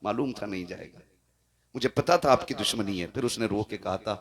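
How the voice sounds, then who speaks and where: A man from India preaching an emotional storytelling sermon, delivering it with passion that builds toward shouts. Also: lowish voice, fairly quick. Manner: impassioned, rising to shouts.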